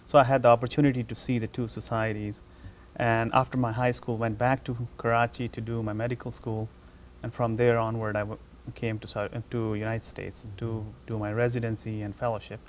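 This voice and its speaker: A man from Pakistan, a neurologist, answering interview questions in a measured, explanatory way. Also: medium pitch, flat delivery, a little hiss or hum. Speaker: neurologist guest.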